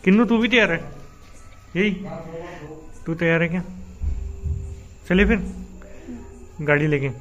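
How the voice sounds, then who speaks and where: A young man filming a casual family vlog, chatting and teasing children loudly as he goes. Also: high voice, measured pace, long pauses, dull audio. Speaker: vlogger.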